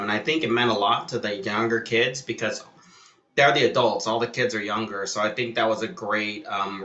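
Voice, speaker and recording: A man moderates a panel in a bright, forceful voice pitched a little low, pausing often on "um". The room around him is echoey. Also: dull audio. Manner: warm praise, hesitant, many "um"s. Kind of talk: panel discussion.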